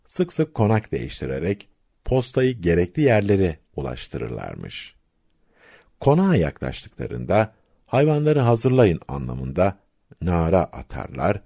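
A man narrating folk sayings and their stories for radio listeners, in a measured, didactic storytelling manner. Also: low voice, vocal fry, warm tone, slightly rough.

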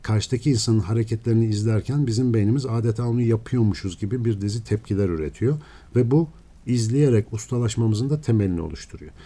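A man speaks as a scientist guest, laying out ideas in steady, lecturing explanations. His voice is very dark and sits a little low. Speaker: neuroscientist guest. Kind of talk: explanatory radio interview.

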